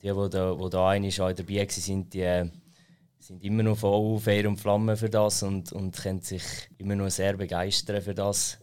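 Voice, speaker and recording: A man with a Swiss German accent answers interview questions in a low voice with very little melody. He explains things factually and a bit haltingly, like a club official. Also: little pitch movement, a little mellow, smooth. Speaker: sports association president, interview guest.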